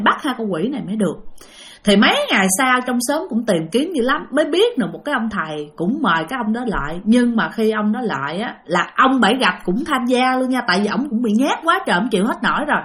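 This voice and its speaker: A woman's voice: fairly high pitch, a bit bright. A woman with a Southern Vietnamese accent telling a ghost story, addressing her listeners directly.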